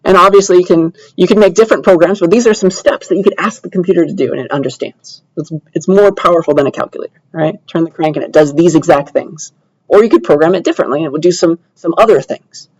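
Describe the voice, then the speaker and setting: Talking fast in a high voice, a man gives a casual, conversational computer science lecture, frequently checking in with tags such as "yeah" and "all right." The audio quality is poor.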